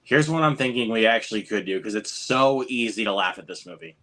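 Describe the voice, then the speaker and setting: A man's voice: medium pitch, fairly quick, a bit bright. A man giving firm opinions in casual movie chat, often repeating words as he starts.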